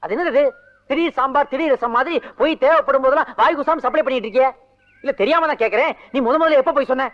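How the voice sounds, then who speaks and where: An actor playing an exasperated friend who scolds in rapid, sarcastic bursts. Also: male voice, extremely high pitch, lo-fi sound. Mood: scolding. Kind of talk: film drama dialogue.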